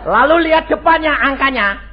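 Speaking at a normal pace in a very high voice, this male pastor delivers a sermon full of animated storytelling, performing the dialogue voices himself. It comes through a dull, lo-fi radio stream carrying faint noise.

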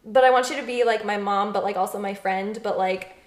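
A woman's voice: medium pitch, steady tone, a little fast. A young woman co-hosting a podcast in casual chat, giggling and repeating phrases as she talks. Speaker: podcast co-host. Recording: echoey room.

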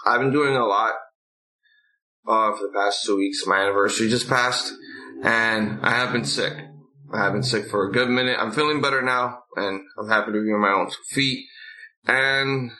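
A man's voice: fairly low pitch, sharp tone, low-quality recording. A man hosting a recap show in a casual, opinionated rant, blunt and full of swearing. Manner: blunt, profane. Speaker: host of a wrestling recap show.

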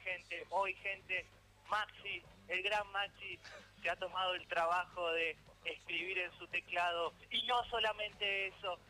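A man's voice: sits high, pushed and bright, rough recording. A teenage man with an Argentine Spanish accent, a radio columnist chatting in a playful, teasing, theatrical way. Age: teens. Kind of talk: casual radio chat.

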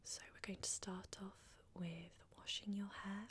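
A woman whispering softly and reassuringly as a hairdresser in an ASMR roleplay, talking close to the mic. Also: medium pitch, flat delivery. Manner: soft, unhurried, reassuring with many fillers. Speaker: ASMR creator playing a hairdresser.

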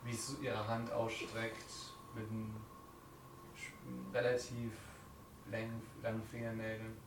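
A man's voice: lowish voice, completely flat delivery, a little slow, gravelly. Guy running a tabletop game, feels for his words, kinda far from the mic, echoey and noisy. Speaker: game master. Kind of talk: improvised narration of a tabletop game.

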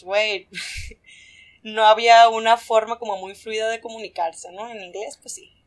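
With a Mexican accent and a medium-pitched voice, this young woman swaps stories as a guest in a relaxed conversation. Her delivery is lively and full of slang, broken up by frequent laughter.

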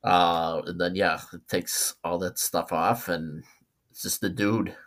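A man co-hosting a casual podcast, talking in a halting way full of fillers and restarts, with blunt opinions. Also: low-pitched, steady tone, a bit bright. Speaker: podcast co-host.

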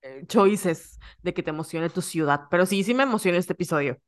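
Brisk and fairly low-voiced, this Yucatecan co-host from Mexico chats casually on a podcast. She giggles, teases herself, and keeps the mood playful.

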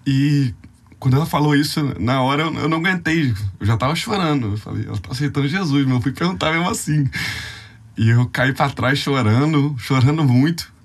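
Husky Brazilian man sharing a testimony. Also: medium pitch, moderate pace. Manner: heartfelt, tearful storytelling with casual slang. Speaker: youth ministry leader. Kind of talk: emotional testimony on a podcast.

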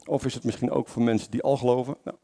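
Speaking fast in a warm, medium-pitched voice, this lay preacher keeps his tone level. His sermon is casual and chatty, peppered with fillers, corrections of himself, and questions put to the congregation.

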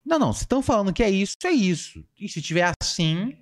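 Brazilian male podcast host, playful live-chat banter, very lively pitch. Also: quick pace. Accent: Brazilian Portuguese. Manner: animated, playful, jumps in pitch when reading names. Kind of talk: casual livestream chat.

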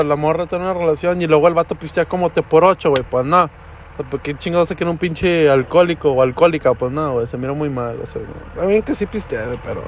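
In a highish voice over slight hiss or hum, a young man from Mexico chats casually on his vlog. His storytelling is slangy and profane, and he code-switches, slipping into English partway through sentences.

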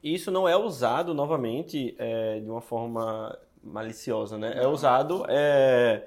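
A man's voice: mid-range voice, unhurried, darkish tone. A man with a Brazilian Portuguese accent in a casual podcast discussion. He speaks firmly and directly, explaining his points.

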